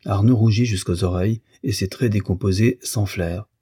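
A man reading a classic novel aloud in a measured, even way. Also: lowish voice, breathy edge, no echo, clean studio sound. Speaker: audiobook narrator. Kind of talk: scripted literary narration.

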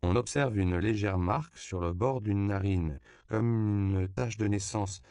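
A man's voice: fairly low pitch, unhurried, mellow, smooth, dry recording, pitched above the performer's own voice. A man reading the lines of a mocking male doctor in an audiobook, dry and amused. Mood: wry. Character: sardonic male doctor atop a ladder.

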